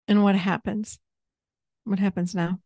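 A woman therapist gently guiding someone through a parts-work session with patient, step-by-step prompts. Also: mid-range voice, little pitch movement, unhurried, dry recording.

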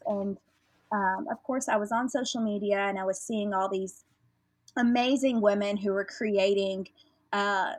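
This is a woman in her thirties with a gentle Southern US accent, speaking as a podcast guest. Her voice sits at an ordinary middle pitch and sounds close and dry. She tells her story in a chatty, earnest, unhurried way. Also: dry recording, rough recording. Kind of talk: casual interview chat.

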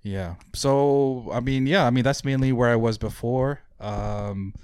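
Young man, halting chatty interview guest. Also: medium pitch, darkish tone, clean tone, no echo, studio quality. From Mauritius, raised in Saudi Arabia. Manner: hesitant, many fillers and restarts, chuckles easily. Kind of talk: casual interview chat.

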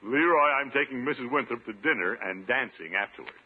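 Pompous old-radio uncle, swooping delivery. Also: male voice, mid-range voice, expressive, husky. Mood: self-satisfied. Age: middle-aged. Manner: pompous, hearty, with drawn-out hesitations. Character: boastful, jovial middle-aged uncle, a smooth-talking ladies' man. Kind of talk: 1950s radio comedy acting. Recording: old radio recording, narrow band, hissy.

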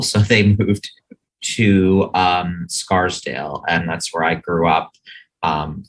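A New York media sales executive with a deep, low voice chats loosely as a guest in a casual interview from an office. He rambles and circles back, with many ums and restarts. The tone is a bit bright and the audio is poor.

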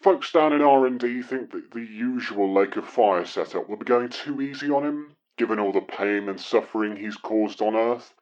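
A man's voice: on the low side, normal speed, few pauses, darkish tone. A man playing a fawning hell underling leaving a voicemail. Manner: chatty, rambling and over-polite to his boss. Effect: voicemail message played back over a phone. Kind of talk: comic audio drama acting. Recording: dull lo-fi phone playback.

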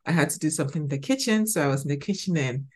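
A woman's voice: low-pitched, lively intonation, rapid-fire. Giggly, chatty woman hosting a podcast. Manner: laughs often, chatty and bubbly. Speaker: podcast host. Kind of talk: casual podcast chat.

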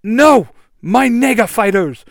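A man's voice: on the high side, big pitch swings, slow, a bit bright, dry recording, clean studio sound, exaggerated voice. A man voicing a cocky four-armed male monster with a taunting manner. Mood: dismayed.

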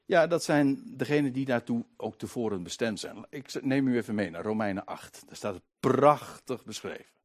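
A man preaching a sermon, emphatic, slowing down to stretch key words and swinging between loud peaks and quiet asides. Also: medium pitch, animated, dry recording, studio quality.

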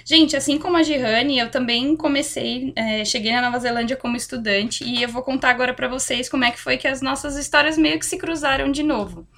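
Woman, Brazilian accent, podcast host, high voice, chatty, relaxed. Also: fairly quick, hardly any pauses. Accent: Brazilian Portuguese. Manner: chatty, relaxed personal storytelling. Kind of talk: casual chat.

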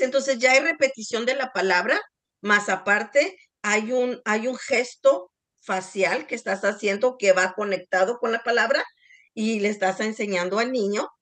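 Brief: woman facilitator, mid pitch, explains patiently to moms on a call. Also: a bit bright. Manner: explanatory, addresses parents directly. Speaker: parenting group facilitator. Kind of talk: casual group talk. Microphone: video call.

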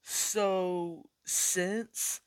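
A man hosts a sports betting podcast, going through his picks slowly and casually in a chatty, deliberate way. His slightly high, steady, clean voice still sounds worn as he recovers from losing it, and he coughs. The recording is dry, close and without echo.

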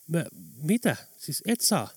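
A man's voice: fairly high pitch, sing-song, breathy edge, no room sound, pitched above the performer's own voice, heavily acted. A man voicing a scheming male antiques dealer who talks in a wry, conspiratorial way. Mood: urgent.

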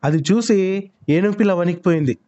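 A male storyteller narrating a children's tale in an expressive way, full of lively sound words. His voice sits a little high for a man. The recording is muffled and lo-fi. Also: fairly quick.

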